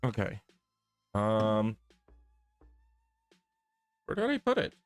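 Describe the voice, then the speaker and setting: A man's voice: fairly low pitch, wildly swooping pitch, drawn-out words, smooth, no echo, soft background music. A tired man with his voice a bit off, chatting casually with viewers while he draws on a live stream. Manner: chatty, thinks aloud while drawing. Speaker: art streamer.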